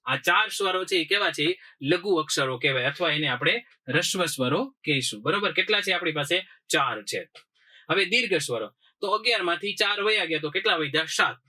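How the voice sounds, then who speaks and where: A man's voice: a little high, animated, fairly quick, sharp tone. A man teaching an exam-prep grammar lesson, asking questions and answering them himself and often checking that students follow. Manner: drills with repeated questions and answers; keeps checking understanding.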